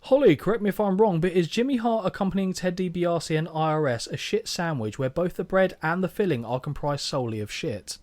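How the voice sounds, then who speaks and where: A man's voice: high-pitched, lively intonation, brisk, few pauses, darkish tone. A man co-hosting a podcast, talking in a sarcastic, jokey way with plenty of swearing. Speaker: podcast co-host. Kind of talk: casual chat.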